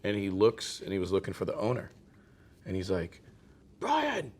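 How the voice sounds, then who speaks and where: A man co-hosting a podcast, an animated storyteller in casual chat who laughs often. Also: low-pitched, brisk, slight background noise. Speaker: podcast co-host.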